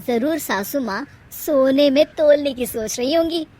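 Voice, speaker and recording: A young cartoon husband who jokes and grumbles. The voice is high and slow, with a ribbing tone. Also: female voice, a little mellow. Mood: joking. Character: young husband, joking and exasperated.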